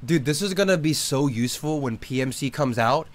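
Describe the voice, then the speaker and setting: Playing a game on stream, an Australian-born young man with a Southern Californian accent talks briskly in an expressive, mid-range voice. He jokes with his audience, swears without restraint, and reads the chat out loud.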